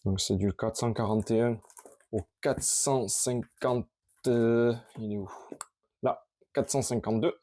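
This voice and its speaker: A man casually showing his collection on camera, talking in a halting, rambling way with many restarts. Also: mid-range voice, steady tone, dark tone.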